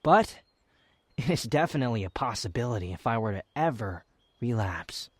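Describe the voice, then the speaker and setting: A man playing an aloof, proud, sardonic young wanderer in an intimate roleplay audio drama, speaking in haughty, formal, halting phrases. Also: medium pitch, expressive, no echo, natural voice. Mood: smug, menacing. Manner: haughty, formal wording, halting, sighs and scoffs.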